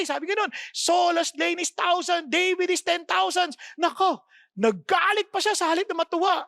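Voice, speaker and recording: High-voiced woman preaching. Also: no room sound, studio quality. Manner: expressive, asks the congregation repeated questions. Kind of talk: sermon.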